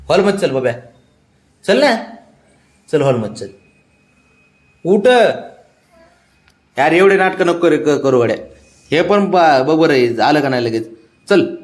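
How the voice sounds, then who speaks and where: A man's voice: medium pitch, a little mellow. A man with a Marathi accent, casually coaxing and scolding his sulking pet cat in a mix of pleading and baby talk.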